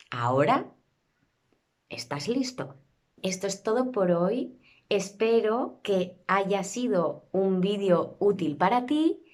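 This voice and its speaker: Spanish woman teacher, spain accent, sounds things out slow, voice goes up and down a lot. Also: medium pitch. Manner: slow, careful modeling of sounds. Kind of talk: pronunciation lesson.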